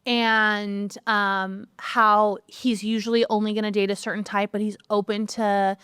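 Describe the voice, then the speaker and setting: A woman's voice: medium pitch, a little slow, clear, resonant tone, no room sound. Brief: opinionated woman co-host, casual podcast banter, dry close sound. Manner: opinionated, animated storytelling. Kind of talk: casual chat.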